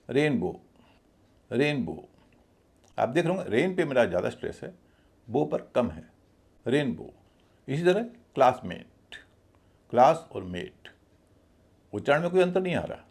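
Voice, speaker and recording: A man teaching English pronunciation, speaking slowly and deliberately, spelling words out letter by letter and repeating them. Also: mid-range voice, vocal fry, darkish tone, breathy edge. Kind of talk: spoken language lesson.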